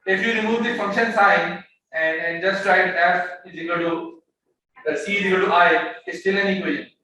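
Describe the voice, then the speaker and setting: Speaking at a normal speed in a high, steady voice that's bright and forceful, a man teaches an economics class step by step. He mixes Hindi-Urdu phrases into his English and repeats words while searching for the next. The room is very echoey, with the mic far off and faint background noise.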